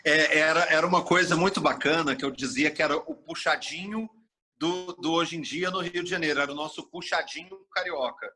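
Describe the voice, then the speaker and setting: A middle-aged TV journalist from Brasília, Brazil, tells stories in a casual interview, expansive and animated, acting out the quoted speech. His voice is on the high side and fairly quick.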